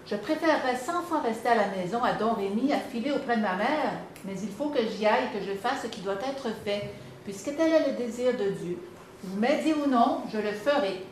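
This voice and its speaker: A woman, voicing a determined young peasant girl in a calm, firm storybook reading. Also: a little high, moderate pace, roomy sound, a little hiss or hum, natural voice. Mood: resolute.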